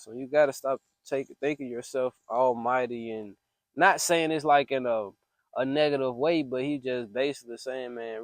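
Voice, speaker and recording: A man's voice: medium pitch, no echo. A man talking about his faith in an earnest, preachy, confiding way, recorded as a phone voice memo. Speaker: speaker venting about faith. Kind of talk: casual spoken reflection. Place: private room, voice memo. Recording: dry close voice memo.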